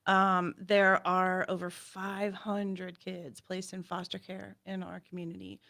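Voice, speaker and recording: A woman guest on a radio interview, calmly explaining event details and the cause behind it. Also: on the low side, measured pace, gravelly. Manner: steady, explanatory, gives details.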